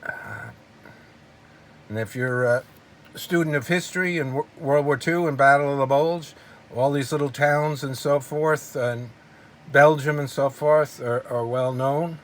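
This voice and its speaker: A male collector presents his models and memorabilia in a casual, unscripted show-and-tell, talking in an informal, rambling and enthusiastic way. His voice is mid-range with fairly even intonation and a measured pace. Background noise is clearly audible.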